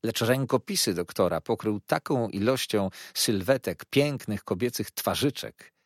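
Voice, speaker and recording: A man narrating a classic novel in a measured, old-fashioned storytelling manner. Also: lowish voice, expressive, no echo, studio quality. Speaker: audiobook narrator. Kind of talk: scripted literary narration.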